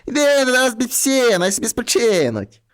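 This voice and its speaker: A man voicing a spiteful, scheming old witch in a read-aloud fairy tale, shrill and scolding. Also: sing-song, moderate pace, a bit bright, exaggerated voice.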